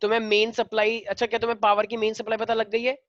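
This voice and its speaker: A man's voice: high voice, completely flat delivery, fast, fairly bright tone, dry recording, highs cut off. Hindi-teacher man quizzing his class. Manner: mixes Hindi and English, drills students with questions. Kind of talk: online class problem-solving.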